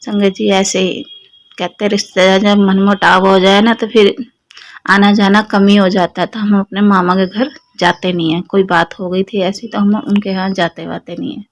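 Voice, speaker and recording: A young woman with a Delhi Hindi accent and a slightly sore throat, sharing a devotional testimony with fervent, personal warmth as she speaks directly to the congregation. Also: medium pitch, flat delivery, moderate pace. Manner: addresses listeners as sangat ji, fervent and personal. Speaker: devotee sharing satsang experience.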